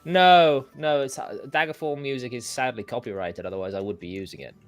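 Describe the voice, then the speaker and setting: A man's voice: mid-range voice, brisk, soft background music. An English man hosting a casual livestream chat, rambling and self-deprecating with many restarts. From England. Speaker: host.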